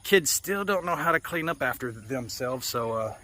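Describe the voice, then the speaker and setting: An American vlogger rambles offhandedly in his yard, swearing freely in an expressive, mid-range voice at normal speed with a sharp tone and no echo. Birds, roosters and outdoor ambience make the recording noisy.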